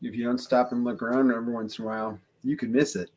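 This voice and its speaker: A man co-hosting a relaxed chat with a husky, slightly raspy voice. He talks in a laid-back, joking way at an ordinary pitch. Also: quick pace. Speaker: co-host. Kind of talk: casual chat.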